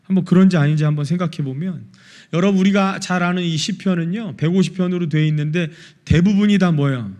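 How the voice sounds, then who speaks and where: A pastor preaching a sermon, asking the congregation questions and acting out prayers and quarrels in quoted voices. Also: male voice, sits high, fast talker, darkish tone. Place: church worship service.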